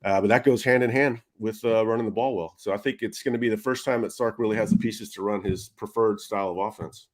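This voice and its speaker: A man giving casual football analysis, talking quickly with frequent fillers. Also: fairly low pitch, fairly even intonation. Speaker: recruiting analyst.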